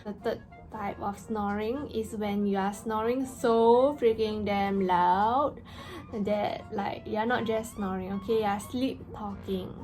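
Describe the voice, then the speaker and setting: A young woman telling a story in a casual vlog rant, with an animated, exasperated, slangy delivery and emphatic stresses. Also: medium pitch, a little slow. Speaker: vlogger. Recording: music playing behind the voice. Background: background music.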